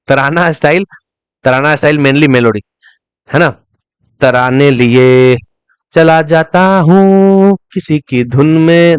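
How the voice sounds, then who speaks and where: Fast, crisp-voiced man teaching a revision lesson. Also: mid-range voice, no room sound. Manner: repeats key terms as memory tricks, asks and answers his own questions; breaks into short sung snatches to illustrate. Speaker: exam-prep teacher.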